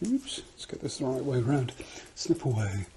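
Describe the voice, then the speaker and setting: In this ASMR role-play, a soft-spoken British man drifts into softer speech while repeating insistent instructions and reassurance. His medium-pitched voice swings widely in pitch at a moderate pace, and a little hiss or hum can be heard.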